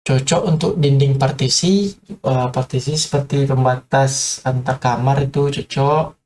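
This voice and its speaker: With a medium-pitched, darkish voice, steady tone and unhurried pace, a man walks viewers through construction in an informal tutorial. He treats them as friends, though his speech is hesitant and full of filler sounds.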